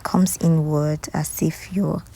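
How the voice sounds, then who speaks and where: A Nigerian woman talking viewers through a hair tutorial in a casual voice-over, often dropping into soft, half-whispered asides. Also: deep voice, little pitch movement, slow pace, creaky.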